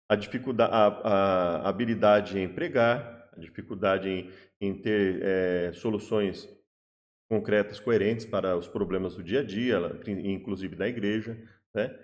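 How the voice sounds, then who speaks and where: A man's voice: mid-range voice, darkish tone. A man giving an unscripted Bible study. He has a Brazilian Portuguese accent and explains patiently with worked examples. He often restarts his phrases and tags them with a questioning "né?". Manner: hesitant, many restarts and "né?" tags. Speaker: Bible teacher.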